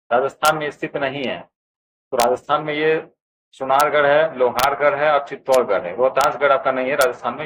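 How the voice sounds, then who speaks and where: Poor audio with a little hiss or hum carries a medium-pitched man's Bihari Hindi-accented voice. He's teaching an exam answer key, addressing viewers as friends and working through each option at a steady pace.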